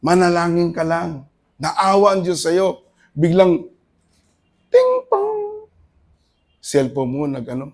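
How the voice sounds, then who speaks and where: A middle-aged Filipino pastor preaching a conversational sermon, swinging between loud praise and hushed asides. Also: male voice, fairly high pitch, measured pace. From Philippines.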